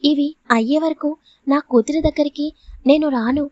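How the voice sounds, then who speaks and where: A woman's voice: high-pitched, moderate pace, a little mellow, no echo, close to an everyday voice. Woman reading as a sly, greedy drunken father. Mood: scheming. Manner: smug, wheedling. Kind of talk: storybook reading. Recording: dull lo-fi audio.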